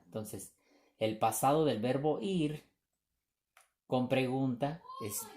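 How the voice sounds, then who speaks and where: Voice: mid-range voice, a little mellow. An English teacher giving a recorded grammar lesson, explaining patiently, repeating examples and often checking whether students follow.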